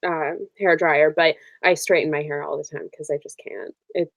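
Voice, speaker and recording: A woman's voice: deep voice, steady tone, moderate pace, creaky, dry recording. A woman in her twenties co-hosting a casual chat, playful and teasing, on a video call. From Canada. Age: 20s. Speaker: co-host of a book liveshow.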